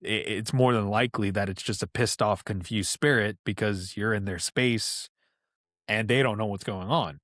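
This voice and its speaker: A podcast guest tells stories in a loose, chatty way, full of "like" and casual swearing. His voice is on the low side, steady and fairly bright at normal speed, with clean studio sound and no echo.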